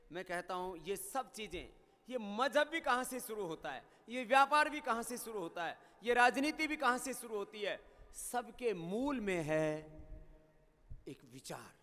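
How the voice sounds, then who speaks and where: Indian guru guy preaching, high bright voice, stacks up repeated lines, big hall echo. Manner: emphatic, repeating phrases in rising lists. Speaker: spiritual teacher. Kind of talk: spiritual discourse.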